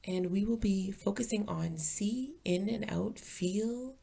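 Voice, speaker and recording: A meditation teacher guides a session in a calm, soothing, deliberate manner. Her voice is soft, breathy, and medium in pitch.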